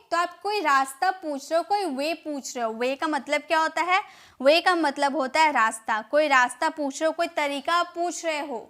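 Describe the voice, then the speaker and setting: A woman with an Indian accent teaching spoken English, repeating each phrase slowly and quizzing the listener. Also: high voice, fairly bright tone.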